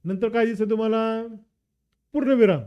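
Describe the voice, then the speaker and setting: Walking students through an exam paper, a Marathi-accented teacher drills them with questions and answers again and again. He has a high, clean-toned voice at normal speed, though the recording is muffled.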